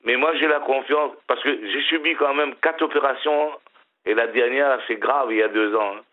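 A middle-aged man calling in to a radio show, talking haltingly with a smile in his voice and repeating his words. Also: mid-range voice. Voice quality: smiling voice. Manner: hesitant, repeats and restarts words. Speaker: caller. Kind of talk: casual phone-in chat. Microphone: telephone. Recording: tinny phone line.

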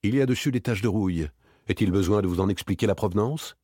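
A man doing a stern former inspector, low, husky, dry, hard, precise. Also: fast, mellow, dry recording. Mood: relentless. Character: cold, relentless male former police inspector.

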